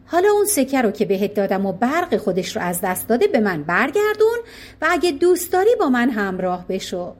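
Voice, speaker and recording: A calm, shrewd old king in disguise, as a woman narrator plays him. He speaks politely and with gentle irony, in a fairly high voice with a lively lilt, like a storybook character. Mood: politely ironic.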